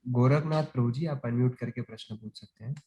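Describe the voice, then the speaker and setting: A man's voice: medium pitch, fairly quick, highs cut off, heavy background noise. A man moderating a video-call session, plainly reading out questions sent in by listeners. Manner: reads questions aloud plainly.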